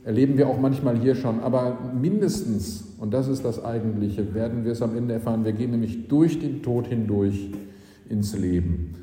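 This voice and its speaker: A man's voice: medium pitch, moderate pace, dark tone. A man preaching a sermon, explaining scripture and often asking rhetorical "nicht?" checks of his listeners. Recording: roomy hall with long reverb.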